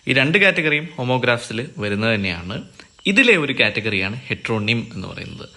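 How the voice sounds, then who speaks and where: A man with a Malayali accent teaching an English exam lesson, explaining in Malayalam and reading English definitions slowly. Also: medium pitch, sing-song, sharp tone. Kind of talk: recorded online lecture.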